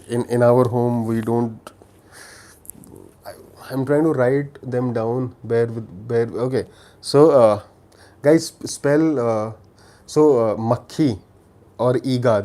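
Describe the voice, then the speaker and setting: A man from India with a Telugu accent speaks in a dark, mid-range voice as a livestream host, casually recommending films. His speech features repeated words and restarted sentences.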